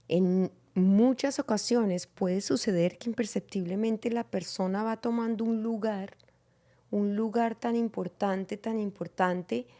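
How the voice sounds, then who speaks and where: Lady hosting a church talk panel, calm and thoughtful, asks her guests stuff. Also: mid-range voice. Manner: reflective, measured questions to guests. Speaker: podcast host.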